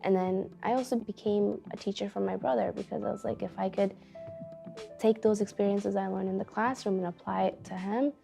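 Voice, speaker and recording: Low-key young woman with a gravelly edge. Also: steady tone, a little fast, warm tone, soft background music. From Afghanistan. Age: young adult. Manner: earnest, reflective, many fillers like "like" and "you know". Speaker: teacher. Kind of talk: documentary interview testimony.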